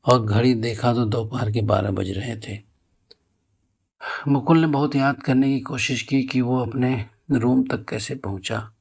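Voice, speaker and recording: A man narrating a horror story in a slow, measured storytelling manner. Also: mid-range voice, gravelly, slightly rough.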